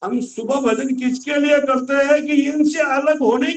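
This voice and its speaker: A male preacher, giving a sermon with loud emphatic bursts over a video call. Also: very high-pitched, fairly even intonation, measured pace. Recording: echoey, distant call audio.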